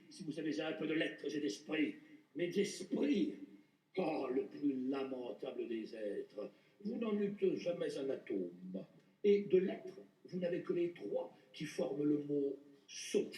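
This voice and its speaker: Hammy, high-pitched, swaggering stage swordsman. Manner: hammy stage actor, declamatory and grandly theatrical. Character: proud, witty, swaggering swordsman-poet mocking a rival. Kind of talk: classical French verse stage acting. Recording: roomy echoing stage, distant microphone.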